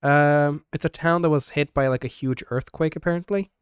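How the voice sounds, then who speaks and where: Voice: mid-range voice, fairly even intonation, normal speed, clear, resonant tone, dry recording. Streamer person telling the story so far, lots of um and like, teasing, dry close mic. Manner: rambling, filler-heavy, teasing. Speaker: streamer recapping a roleplay story. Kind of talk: casual roleplay storytelling.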